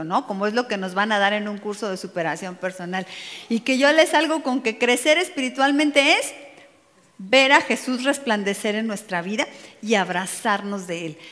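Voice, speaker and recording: A woman's voice: a little high, fairly bright tone. A woman preaching to a women's meeting in a conversational way, speaking directly to her listeners with playful asides. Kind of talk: sermon. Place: church meeting hall. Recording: long hall reverb.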